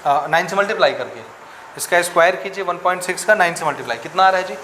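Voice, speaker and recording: A man's voice: sits high, fast talker, fairly bright tone, a little hiss or hum. Man teaching physics in an echoey classroom. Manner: asks students questions, works sums aloud. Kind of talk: classroom lecture.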